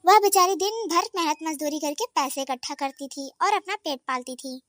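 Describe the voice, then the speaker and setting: A woman narrating a cartoon story in a simple, steady storytelling manner. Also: high voice, normal speed, dry recording.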